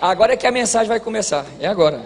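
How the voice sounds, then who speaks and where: A Brazilian man preaching a sermon at a church congress, folksy and joking, dropping to quiet asides and rising to shouted exhortation. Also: high-pitched, expressive, very fast, slight background noise. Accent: Brazilian Portuguese. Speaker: pastor. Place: large church hall at a congress. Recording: hall reverb, long echo.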